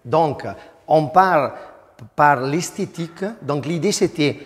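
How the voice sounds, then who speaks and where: A man's voice: on the high side, takes it slowly, long reverb tail. A man who is an acoustic engineer, explaining things plainly as a tour guide, with some hesitations.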